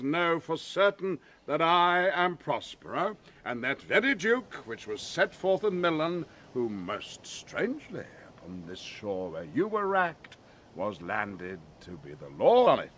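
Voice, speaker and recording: A man's voice: a little high, big pitch swings, fairly bright tone. Man acting Prospero, a commanding duke, swooping delivery. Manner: theatrical, measured, formal. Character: Prospero, commanding wronged duke and grieving father. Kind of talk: Shakespearean audio drama acting. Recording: clear background noise, ambience.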